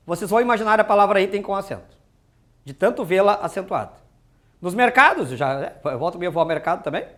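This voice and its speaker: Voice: medium pitch, fairly bright tone. A teacher giving an exam-prep grammar lesson, chatty and full of joking asides and rhetorical questions.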